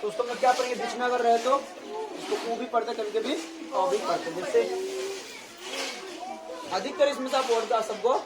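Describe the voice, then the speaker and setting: A woman's voice: fairly high pitch, big pitch swings, moderate pace, pauses often, very noisy. A woman teaching a class on English pronunciation. She spells words out letter by letter and keeps asking her students whether they follow. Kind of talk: classroom lesson.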